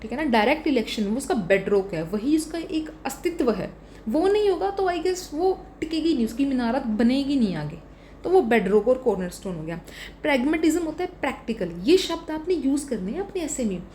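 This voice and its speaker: A woman's voice: sits high, animated, fairly quick, darkish tone, a little hiss or hum. A young adult woman with an Indian English accent teaching exam vocabulary in a casual lesson, explaining each word with examples and checking in with the listener. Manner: explains vocabulary with examples, frequent "ठीक है" fillers.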